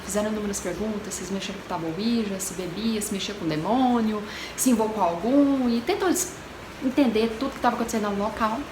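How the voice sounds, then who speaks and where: Chatty woman telling ghost stories. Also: fairly high pitch. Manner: chatty, addresses viewers directly, drops to a hushed tone for eerie parts. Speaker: storyteller. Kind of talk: casual paranormal storytelling. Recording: echoey room with background noise.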